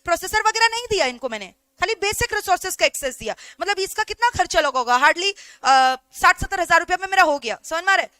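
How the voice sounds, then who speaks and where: A woman's voice: very high-pitched, expressive, quick pace, few pauses, bright, forceful tone, no room sound. An Indian woman teacher giving an online lecture in a chatty way, often checking whether her students follow.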